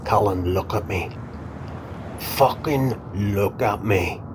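An actor playing a domineering, foul-mouthed crime boss who gives clipped, threatening commands in a naturalistic drama. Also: male voice, takes it slowly. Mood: stern. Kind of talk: naturalistic screen drama acting. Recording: noisy, rumbling car interior ambience.

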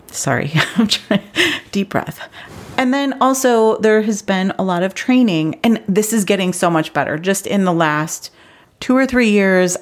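A middle-aged woman hosting a solo podcast for travel agents, talking earnestly and with growing intensity before reining herself in. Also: on the low side. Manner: earnest and animated, gets intense then reins herself in. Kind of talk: casual solo podcast talk.

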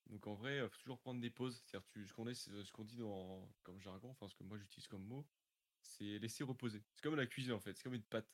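Young guy, kinda low voice, talks slow and unsure, lots of euh, casual interview chat. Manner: hesitant, many fillers, thinks aloud. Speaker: guest, sound engineer.

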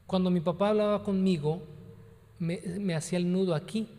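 A man's voice: sits high, steady tone, brisk, mellow, in a large hall. A man preaching a conversational sermon, telling personal stories and repeating phrases for emphasis. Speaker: pastor.

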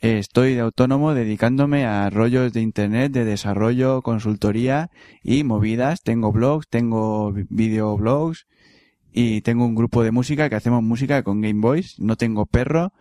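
Man in his twenties, podcast guest, relaxed dry humor, dry close sound. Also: medium pitch, normal speed, no echo. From Spain. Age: 20s. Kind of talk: casual podcast chat.

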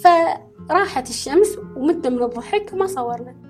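A woman with a Gulf Arabic accent hosting a casual podcast interview, chatty and quick to laugh. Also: sits high, animated, a little mellow, soft background music. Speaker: podcast host.

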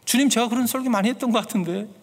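Earnest pastor preaching in an echoing hall. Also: male voice, extremely high pitch, rapid-fire. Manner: earnest, asks the congregation questions. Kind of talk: sermon.

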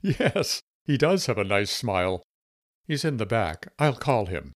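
A man's voice: fairly low pitch, very animated, measured pace, dry recording, clean studio sound. A man voicing a young, anxious funeral home receptionist who sounds sad and eager to please, in a storybook reading. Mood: nervous.

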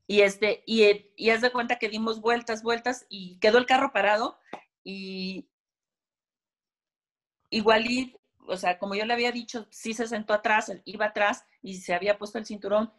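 A woman's voice: medium pitch, steady tone, normal speed, fairly bright tone. A woman in a casual conversation, explaining ideas and telling anecdotes from her own life. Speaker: guest speaker.

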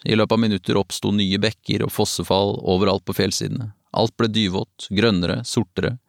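A man narrating a novel in the first person, calm and even, as an audiobook. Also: fairly low pitch, gravelly, no echo, studio quality.

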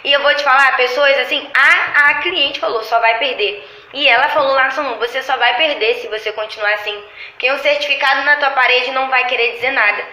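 A woman in casual chat, telling animated stories about her lash clients and acting out their lines. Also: high voice, fairly quick. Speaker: lash artist. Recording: echoey room.

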